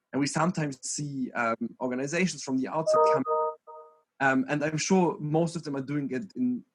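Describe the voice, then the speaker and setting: A man's voice: fairly low pitch, breathy edge. A young man from Vienna, speaking as a student union president on a panel in an earnest, methodical way over a video call. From Vienna, Austria. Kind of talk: panel discussion.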